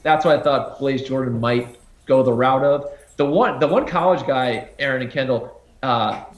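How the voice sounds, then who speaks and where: A man's voice: medium pitch, normal speed. Man in an echoey room analyzing picks. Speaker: draft analyst. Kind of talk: live panel discussion.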